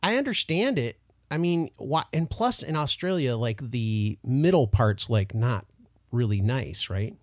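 Playful man, lively voice. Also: medium pitch, unhurried, dry recording, studio quality. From American Midwest. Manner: playful, chatty, laughs often. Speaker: podcast co-host. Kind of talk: casual chat.

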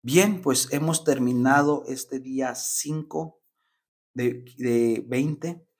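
Husky guy preaching a devotional, passionate, keeps asking "right?". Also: mid-range voice, takes it slowly. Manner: passionate, repeats "¿verdad?" often. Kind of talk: devotional teaching.

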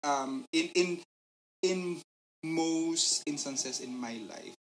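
A woman with an unusually deep voice and a Filipino accent chats casually. She speaks haltingly, doubling back on words and switching languages. A faint hum sits behind her. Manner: hesitant, repeats words, mixes in Tagalog. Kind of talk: casual chat.

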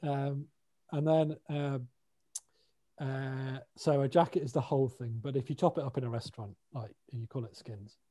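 Dry-toned British man, mellow voice. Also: medium pitch, fairly even intonation, moderate pace. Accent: British English. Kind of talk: casual chat.

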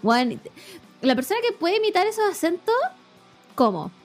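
Young Chilean podcast co-host, high pitch, loose and slangy, faint music bed. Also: female voice, normal speed. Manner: slangy, laughing, animated. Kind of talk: casual chat.

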